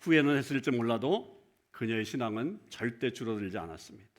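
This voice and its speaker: A man's voice: medium pitch, expressive, brisk. A male pastor giving a conversational sermon in church, often putting questions to the congregation. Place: church sanctuary.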